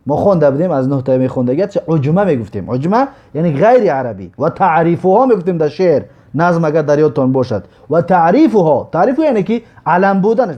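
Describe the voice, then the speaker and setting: A man teaching a grammar lesson, explaining step by step and repeating each example slowly. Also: a little high, a little mellow.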